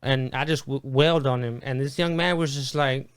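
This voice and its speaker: A man's voice: medium pitch, fairly even intonation, normal speed, clean tone, no echo. A middle-aged man, a podcast guest, telling stories animatedly and acting out quoted voices, with many restarts. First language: Spanish. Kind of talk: casual storytelling interview.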